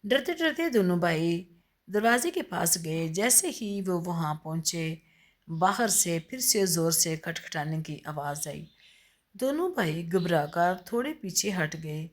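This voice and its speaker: A woman narrating a story in an earnest, gently dramatic way. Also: lowish voice, animated.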